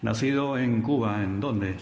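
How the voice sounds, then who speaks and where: A man's voice: medium pitch, measured pace, darkish tone. A Uruguayan man interviewing for radio, asking brief, direct questions. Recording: echoey room with long reverb.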